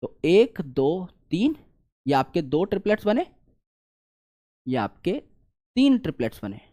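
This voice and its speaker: A male biology teacher, lecturing online while he draws a diagram. He keeps asking questions and answering them himself, going loud on the questions and muttering as he draws. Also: sits high, very animated, a little slow. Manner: repetitive, asks and answers own questions; swings between loud questions and quiet drawing mutters.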